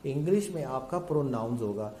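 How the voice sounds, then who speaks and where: Male lecturer, mellow tone, patient question-and-answer teaching, roomy echo. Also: mid-range voice, lively intonation, brisk. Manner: explains in a mix of Urdu-Hindi and English terms, asks and answers his own questions; addresses students as children. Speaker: English grammar teacher. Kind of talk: recorded classroom lecture.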